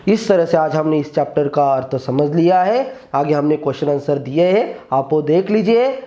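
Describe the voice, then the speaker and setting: A man's voice: a little high, animated, moderate pace, dark tone, muffled recording. A man teaching Sanskrit. He reads each line of a text and then explains it word by word in Hindi.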